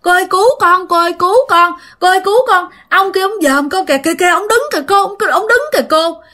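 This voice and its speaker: A woman's voice: extremely high pitch, fast talker, bright, forceful tone, pitched above the performer's own voice. A woman voicing a terrified young village man, pleading breathlessly in a ghost story. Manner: pleading, breathless, repeating himself.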